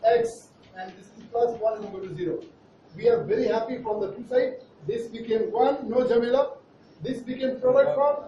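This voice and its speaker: Very high-pitched Indian male teacher, echoey room. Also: steady tone, moderate pace. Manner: playful, teasing, with frequent check-in questions. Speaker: maths teacher. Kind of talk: interactive classroom lesson. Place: classroom at a board. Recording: echoey, noisy, muffled classroom, far from mic.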